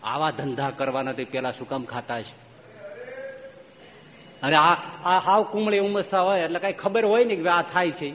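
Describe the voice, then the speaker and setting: A male swami giving a sermon, telling fables lively and firing rhetorical questions at his listeners. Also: on the high side, normal speed, a little hiss or hum. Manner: animated storytelling, rhetorical questions to the audience. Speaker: swami giving a religious discourse. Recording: reverberant hall, faint ambience.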